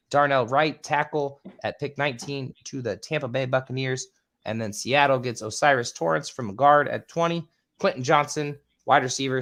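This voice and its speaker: A man hosting a casual podcast, rattling off a list with filler ums and casual swearing, his voice a bit squeaky. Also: a bit bright. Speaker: podcast host.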